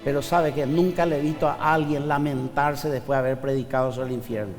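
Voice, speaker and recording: Pastor preaching in a reverberant hall. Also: male voice, steady tone, a little fast. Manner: swings between soft asides and loud, high preaching. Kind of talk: sermon. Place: church hall. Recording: reverberant church hall with faint music.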